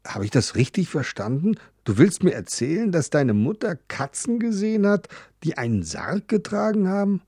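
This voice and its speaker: A man's voice: fairly high pitch, very animated, normal speed, few pauses, darkish tone, no room sound, clean studio sound. An actor narrating a children's audio drama as a wry, skeptical man. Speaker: Klaus, narrator and friend.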